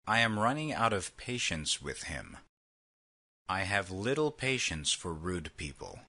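Deep husky guy reading vocab sentences slow, bright edge to it, voice swings up and down a lot. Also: very animated. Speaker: vocabulary lesson reader. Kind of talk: slow read example sentences.

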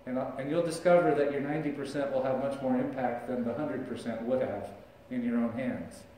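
A man's voice: medium pitch, fairly even intonation, fairly quick, mellow, distant mic, slight background noise. A middle-aged man preaching a sermon as pastor, talking in a conversational way and gesturing as he speaks. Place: church sanctuary, large indoor room. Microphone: far camera, no visible mic. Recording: echoey church recorded from afar.

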